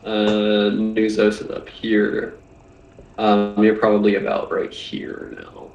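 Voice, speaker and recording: Low-voiced male game master in echoey room. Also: completely flat delivery, gravelly, darkish tone, lo-fi sound. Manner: halting, thinking aloud. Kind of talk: improvised tabletop game narration. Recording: roomy, echoing voice pickup.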